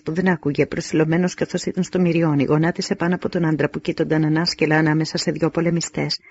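A man reading a novel aloud in a measured, solemn first-person narration, on a dull lo-fi recording. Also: a little high, darkish tone, breathy edge, no room sound. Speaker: audiobook narrator. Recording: dull lo-fi audio.

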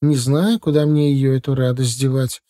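Мужчина-чтец озвучивает молодого эмоционального милиционера, говорящего торопливо и горячо. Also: male voice, medium pitch, mellow, dry recording, studio quality, natural voice. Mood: effusive. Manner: quick, effusive, emotional. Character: young excitable male policeman, warm-hearted.

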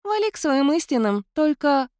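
A woman voicing a blunt, calm female cat-mouse guardian spirit in an audiobook, with an offhand, bossy manner. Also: sits high, moderate pace, no echo, studio quality, pitched above the performer's own voice. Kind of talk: audiobook character voice.

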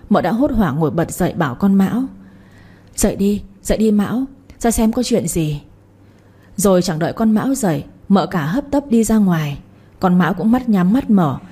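Mellow, husky woman narrating a story. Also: medium pitch.

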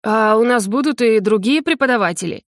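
A woman's voice: on the high side, lively intonation, fairly quick, no echo, studio quality. A woman voicing an eager young male student who keeps asking curious questions.

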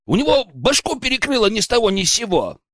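A man's voice: high voice, lively intonation, brisk, a bit bright, no echo, clean studio sound, pitched above the performer's own voice. A man playing an indignant young joker. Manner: defensive, protesting. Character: young male city joker, indignant and whiny.

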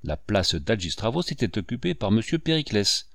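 A man narrating a classic novel in a lively, theatrical audiobook reading. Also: lowish voice, normal speed, gravelly, no room sound, studio quality. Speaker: audiobook reader. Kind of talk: expressive literary narration.

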